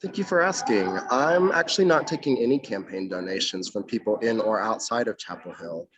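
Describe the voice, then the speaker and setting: A man's voice: fairly low pitch, animated, fairly quick, crowd noise, low-quality recording. A young man from North Carolina, a mayoral candidate, answering interview questions formally over a video call from outdoors, with frequent ums. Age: young adult.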